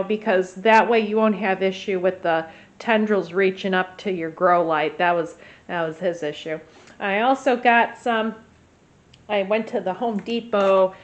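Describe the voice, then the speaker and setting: A congested woman with a slightly high voice clears her throat and rambles through casual chat on her gardening vlog, full of fillers and restarts. The recording quality is low.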